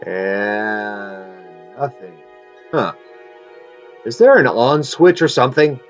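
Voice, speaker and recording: A woman's voice: rumbling low, lively intonation, takes it slowly, highs cut off, soft background music, heavily acted. A woman playing a dramatic, devoted male wizard in an acted fantasy scene, grandiose and grave by turns. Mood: relieved, puzzled. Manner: theatrical, swooping between grandiose and grave.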